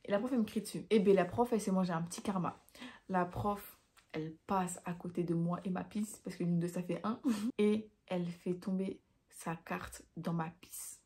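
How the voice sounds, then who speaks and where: Young woman, vlogger, chatty and expressive, slangy self-mocking storyteller. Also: lowish voice, moderate pace. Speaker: vlogger telling personal stories. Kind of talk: casual storytelling to camera.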